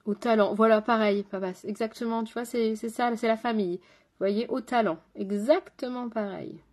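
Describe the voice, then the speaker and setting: A French-accented makeup artist chats with viewers on a live stream while doing her makeup, talking directly to them and the chat. Her voice is on the high side and darkish, with a steady tone at a normal speed.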